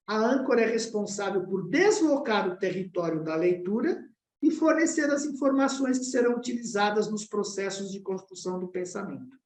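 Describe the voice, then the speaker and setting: A woman's voice: a little high, a little mellow. A woman with a Brazilian Portuguese accent presenting a study-group lesson, explaining ideas and asking the class questions directly. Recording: roomy echo.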